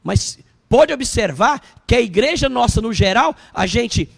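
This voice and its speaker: A man, a bishop preaching a sermon at a church service. He tells the story in an animated way and puts questions to the congregation. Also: very high-pitched, a little slow, gravelly, breathy edge.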